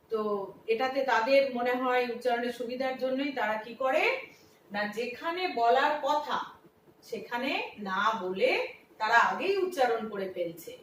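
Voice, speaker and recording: A woman teacher explaining a lesson step by step, asking questions and answering them herself. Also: fairly high pitch. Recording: echoey room, from a distance, faint noise.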